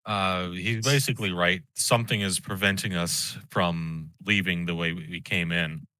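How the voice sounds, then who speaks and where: A man with a deep voice and a bright, forceful edge, playing his character at a tabletop game. He speaks calmly and reassuringly, in measured phrases, and the recording is close and dry. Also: no echo. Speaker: player. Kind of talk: tabletop role-play in character.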